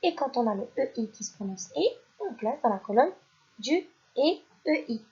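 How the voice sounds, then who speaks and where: A woman teaching a primary school phonics lesson, who reads each word out loud twice and praises the children. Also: fairly high pitch, expressive, slightly rough, muffled recording. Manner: slow and deliberate, repeats each word and stresses it louder; addresses pupils directly, praising them. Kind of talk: recorded French phonics lesson.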